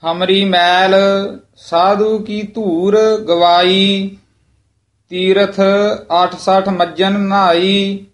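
A male student reciting scripture slowly and steadily while a teacher corrects him. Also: high-pitched. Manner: slow, flat, measured recitation.

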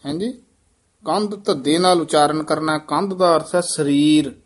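A man teaching scripture recitation, correcting pronunciation and pauses, then modelling the lines slowly. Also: fairly high pitch.

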